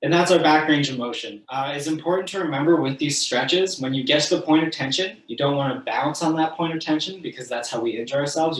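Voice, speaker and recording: A man's voice: on the high side, far from the mic. Stretch instructor guy, laid-back and encouraging, stands back from a desk mic in an echoey room. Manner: casual and encouraging, counts holds aloud. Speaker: fitness instructor. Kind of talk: guided stretching class. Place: room, moving away from the mic while standing.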